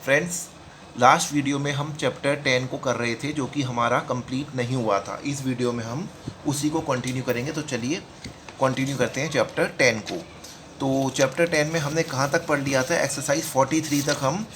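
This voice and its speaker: A man's voice: mid-range voice, background noise. A man with an Indian accent teaching shorthand in a casual tutorial, repeating each word and checking in with "okay" as he goes. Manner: talks through examples slowly, repeating words and saying "ठीक है" often.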